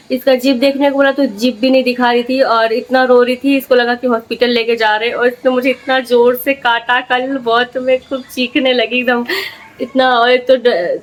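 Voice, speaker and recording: A young woman, a mother, chatting casually to camera in a home vlog and telling her story with lots of fillers. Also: on the high side. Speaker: vlogger, mother.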